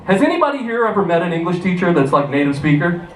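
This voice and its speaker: Animated American man doing stand-up. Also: high voice, fast, noisy background. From United States. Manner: profane, animated storytelling with acted-out voices. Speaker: stand-up comedian. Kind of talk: stand-up comedy set. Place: comedy club stage with a live audience. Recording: roomy club sound, distant mic, audience laughter.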